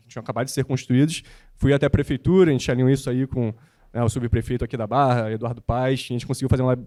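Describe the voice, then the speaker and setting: A young man speaks as a panel guest, full of motivational energy and casual slang. His voice has a mellow, dark tone. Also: medium pitch. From born in the United States, raised in Rio de Janeiro. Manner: animated and motivational, slangy with frequent "cara" and "pô". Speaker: guest, basketball content creator. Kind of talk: panel talk on stage.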